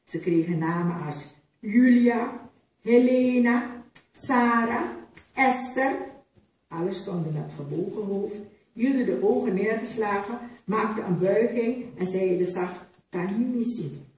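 Woman, author reading her book aloud, expressive, lowish voice, very echoey theater, distant mic. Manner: expressive, slow, dramatic reading. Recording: echoey theater hall from far off.

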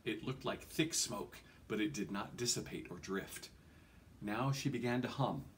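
With a lowish voice, lively intonation and a measured pace, a man in his forties reads a fantasy novel aloud in expressive audiobook fashion. Slight background noise is audible in the small indoor home room, and he occasionally stumbles a little amid the dramatic telling.

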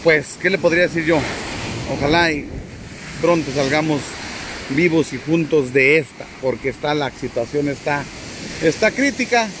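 A man live-streaming outdoors from a high spot by the sea, chatting and joking with his viewers and greeting them by name. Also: moderate pace, noisy background. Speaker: vlogger. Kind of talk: casual live stream from the seafront.

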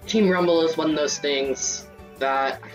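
A man's voice: a little high, fairly even intonation, unhurried. A man hosting a gaming channel, chatting casually over his gameplay with lots of ums and likes. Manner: rambling, many fillers. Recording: distant mic with faint game music.

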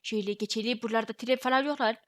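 A woman's voice: a little high, fairly even intonation, very fast. A woman giving casual, joking gameplay commentary, grumbling playfully as she talks to her viewers. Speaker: gaming video creator.

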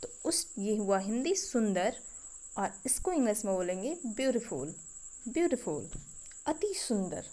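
A woman with an Indian accent teaching English vocabulary, explaining each phrase slowly and repeating it with pauses. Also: mid-range voice, sing-song, warm tone. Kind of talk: spoken English vocabulary lesson.

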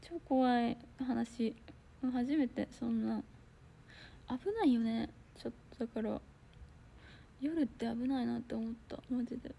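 A young woman chatting casually on a solo livestream, reading viewer comments and telling a story with loud outbursts and hushed asides. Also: a little high, fairly even intonation, a little slow, creaky, pauses often, a little hiss or hum. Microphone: phone or computer mic on a solo livestream.

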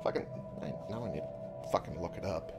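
Male let's-player, lowish voice with animated swings, informal and sweary, game music underneath. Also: a little fast, whispered. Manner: informal, frequent swearing, thinks out loud. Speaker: video game let's-play host. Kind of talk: casual solo gameplay commentary with reading aloud of on-screen text.

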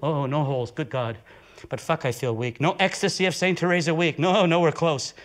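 A man performing an intense, profane theatrical monologue with dramatic swings of pitch and volume. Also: steady tone, fairly quick. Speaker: solo stage performer.

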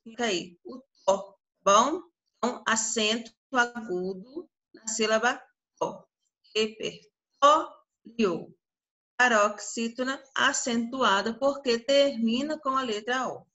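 A woman's voice: fairly high pitch, sharp tone. A woman teacher with a Brazilian Portuguese accent giving an online grammar lesson, stretching out her example words and often checking in with the class. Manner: drawn-out syllables, frequent check-ins with the class.

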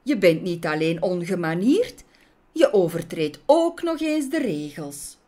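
Woman playing a stern old bee judge, pompous, scolding, loud and indignant, pitch leaping about. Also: big pitch swings, measured pace.

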